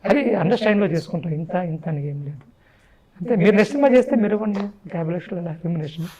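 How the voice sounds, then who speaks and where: A man talking at a very fast clip with a fairly high voice. He insists on his points in a casual interview, repeating himself for emphasis. His speech is emphatic and rapid throughout. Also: lively intonation, a crowd in the background, rough recording. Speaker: interview guest, film actor.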